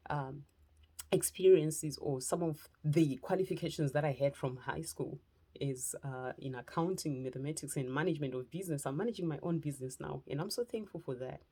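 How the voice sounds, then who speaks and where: A Zimbabwean woman with a Zimbabwean accent and a low, slightly mellow voice shares an earnest personal testimony. She is a motivational speaker and lifestyle preacher, and she talks in short, heartfelt phrases.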